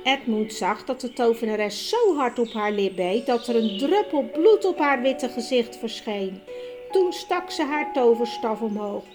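A woman narrating a children's audiobook, reading unhurriedly and with care. Her voice sits a little high, and music plays clearly underneath. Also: expressive, measured pace, a little mellow. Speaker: storyteller. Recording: music bed behind the reading.

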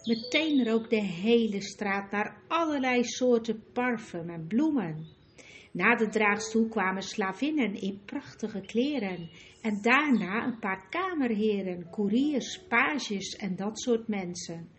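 A woman narrating a children's fantasy story in a measured, expressive way. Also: a little high, a little hiss or hum. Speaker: audiobook narrator.

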